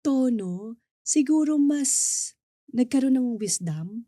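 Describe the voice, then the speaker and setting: A woman's voice: high voice, expressive, slow pace, mellow, no echo, studio quality. A middle-aged Filipino woman with a Filipino accent, earnestly sharing a faith testimony as an interview guest and mixing English into her Tagalog. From Philippines.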